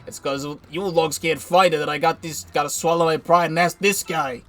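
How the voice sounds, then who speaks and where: A gruff mob boss with a soft spot for his daughter, as a man puts him on, speaking low and hushed with a quiet threat behind each line. Light game music runs in the back. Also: steady tone, normal speed, lightly acted. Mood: menacing. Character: gruff older male mob boss, menacing and fatherly.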